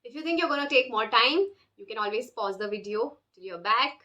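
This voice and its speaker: A woman's voice: on the high side, animated, brisk, bright, forceful tone, muffled recording. A woman teaching a beginner language lesson, explaining patiently and drilling words for the listener to repeat. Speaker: French teacher.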